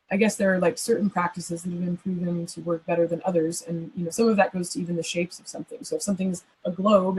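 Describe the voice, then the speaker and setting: A woman's voice: on the low side, slightly rough, low-quality recording. A woman guest in a question-and-answer session, answering at length in a thoughtful, rambling way with many fillers. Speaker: astrologer guest. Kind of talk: conversational Q&A answers.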